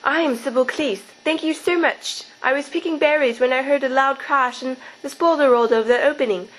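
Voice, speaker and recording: A woman's voice: high voice, fairly quick, a bit bright, poor audio. A woman playing an earnest, brainy alien woman in campy radio-serial style, reeling off technical explanations in a dramatic tone.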